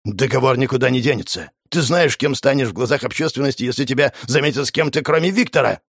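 A man's voice: medium pitch, quick pace, husky, no echo, clean studio sound. A man playing a domineering old clan patriarch. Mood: cold growling. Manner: shouting, then growling through clenched teeth.

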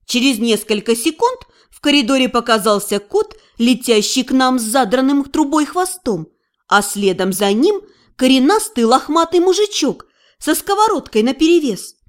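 A woman narrating a first-person audiobook in an expressive storytelling manner. Her voice is high and lively, moving freely up and down. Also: normal speed.

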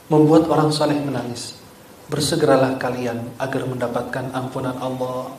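Male preacher, higher voice, echoey hall, heard from a distance, emphatic sermon with chanted verses. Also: a little mellow. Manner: rises and falls in emphatic bursts, chants verses. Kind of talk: Ramadan sermon with Quran recitation. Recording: echoey room, distant mic.

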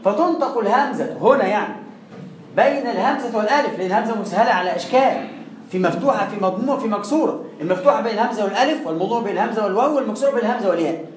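A man with an Egyptian accent teaching Quran recitation rules in a lively way, talking straight to his students and demonstrating sounds. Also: high-pitched, racing, echoey room, a little hiss or hum, poor audio. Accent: Egyptian Arabic. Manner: lively, addresses the listener directly, demonstrates sounds. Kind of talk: classroom lecture.

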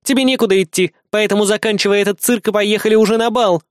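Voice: medium pitch, fairly even intonation, fast, no echo, studio quality, pitched above the performer's own voice, lightly acted. A reader voicing a tough young female agent in an audiobook, curt and commanding, with a mocking edge. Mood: stern, sarcastic. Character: tough young woman agent, stern and sarcastic.

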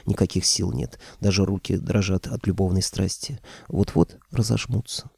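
A man voicing a lovesick winged female creature in whispered role-play, speaking in a hot breathy whisper. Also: low-pitched, fairly even intonation, normal speed, mellow, no room sound, clean studio sound, exaggerated voice. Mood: pleading.

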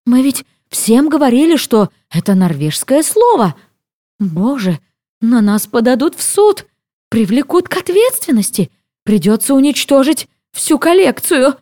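A woman's voice: high-pitched, very animated, measured pace, mellow, dry recording, studio quality, pitched above the performer's own voice. Flustered anxious young woman, voiced by a woman reader. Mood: alarmed.

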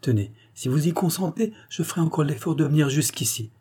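A man voicing a cold, scheming older woman who speaks in a smooth, coaxing, insistent way. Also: fairly high pitch, expressive, a little fast, dark tone, voice pushed up.

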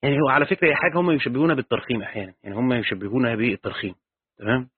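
A man's voice: medium pitch, racing, breathy edge, no room sound. A man with an Egyptian accent teaching a Quran commentary class, reading the text and then explaining it in colloquial speech with frequent restarts. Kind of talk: reading and explaining a tafsir lesson. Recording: dry, tinny phone-like lo-fi audio.

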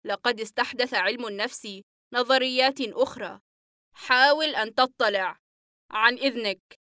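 A woman's voice: fairly high pitch, moderate pace, no echo, studio quality. A woman reading the part of an agitated male patient in an audiobook, breathless and trembling as she voices him. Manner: breathless, trembling, flaring into shouts.

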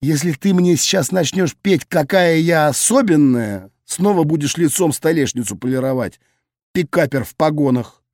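Male reader doing a sarcastic young woman, higher pitched, mocking and venomous, dry studio sound. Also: animated, moderate pace, a little mellow, dry recording. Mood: indignant.

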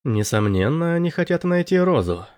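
A man's voice: fairly high pitch, very animated, moderate pace, darkish tone, pitched above the performer's own voice. A man voicing an awkward, oddly unbothered male soldier leader in an audiobook, speaking in a hesitant, mildly apologetic way. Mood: chatty.

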